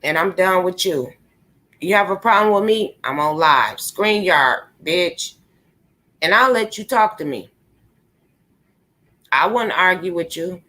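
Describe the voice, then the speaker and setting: A woman's voice: lowish voice, lively intonation, measured pace, pauses often, sharp tone. A woman talking casually on her live stream, swearing freely, laughing often and speaking straight to her viewers.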